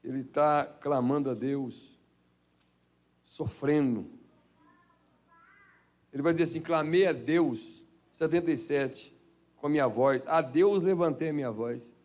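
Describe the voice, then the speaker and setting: A Brazilian pastor with a Minas Gerais accent preaches in a church, his voice sitting high for a man. He bursts into shouted praise, then drops to low, hushed asides in a fervent Pentecostal style. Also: measured pace, pauses often. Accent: Brazilian Portuguese, Minas Gerais. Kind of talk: Pentecostal sermon.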